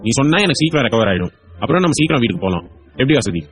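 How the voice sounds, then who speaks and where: A man's voice: mid-range voice, sing-song, rapid-fire, faint music behind, natural voice. A man voicing a loving young husband in a hospital bed, playful and coaxing. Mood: tender. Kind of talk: audio drama acting.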